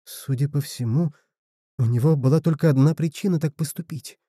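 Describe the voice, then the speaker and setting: A man's voice: on the high side, moderate pace, mellow, no room sound, clean studio sound, natural voice. A man voicing Karlman, a serious, troubled young male of a small folk who speaks tensely and earnestly.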